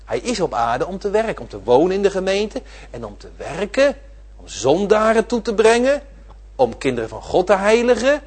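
A man preaching a sermon, repeating his phrases and swinging from loud declarations to quiet asides. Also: high-pitched, big pitch swings, normal speed. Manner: emphatic, repeating phrases with swelling and dropping volume.

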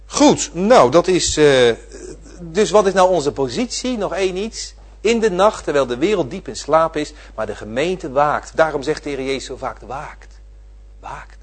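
Husky preacher with lively pitch. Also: male voice, normal speed. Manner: emphatic, repeating phrases with swelling and dropping volume. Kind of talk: sermon.

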